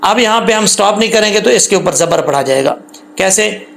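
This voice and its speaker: A man teaching tajweed rules patiently, repeating points and drawing out the recited syllables slowly. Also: high-pitched, expressive, vocal fry, a bit bright. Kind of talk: tajweed lesson with slow recited examples.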